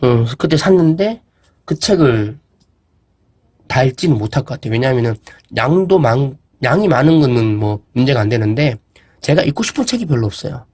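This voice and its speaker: This casual vlog features a product reviewer whose mid-range, slightly rough voice runs a little fast as he presents an e-reader. He's relaxed and chatty, thinking out loud with fillers and asides.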